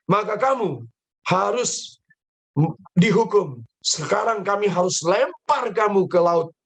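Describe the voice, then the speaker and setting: Frightened sailors shout and accuse in high, loud voices, as a man acts them out. Their talk is panicked and pushy, like a lively children's storybook scene. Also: takes it slowly, gravelly, full character voice. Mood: accusing. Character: frightened, angry ship's sailors.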